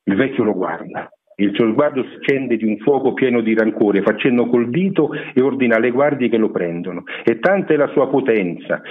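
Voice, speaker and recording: A man giving a measured, explanatory radio lecture on literature. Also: medium pitch, husky. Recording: narrow phone-like radio broadcast.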